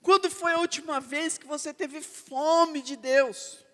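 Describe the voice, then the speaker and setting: Woman pastor, high voice, lively storyteller who laughs while preaching; long church reverb. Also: unhurried. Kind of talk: sermon.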